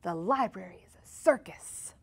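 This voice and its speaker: A woman's voice: animated, moderate pace, creaky, a bit bright, slightly rough, full character voice. A woman voicing a small, polite boy who grows frustrated, in a children's storybook reading. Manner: raised, higher voice for the boy.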